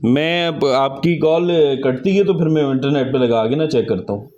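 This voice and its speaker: A man speaks at normal speed in a medium-pitched voice during a phone conversation, sounding polite and deferential and often repeating himself. The field recording is clearly noisy.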